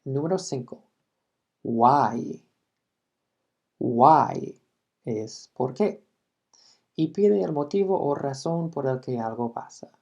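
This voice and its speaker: A man with a Midwestern American accent explains an English lesson in a measured, unhurried way. His voice is mellow and relaxed. He repeats example sentences carefully and at a slow pace. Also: mid-range voice, gravelly, dull audio. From Michigan, United States. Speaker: English teacher.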